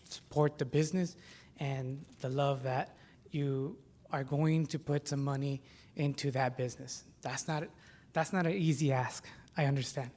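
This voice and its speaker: Nervous man delivering a halting startup pitch. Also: a little mellow. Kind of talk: live pitch competition presentation.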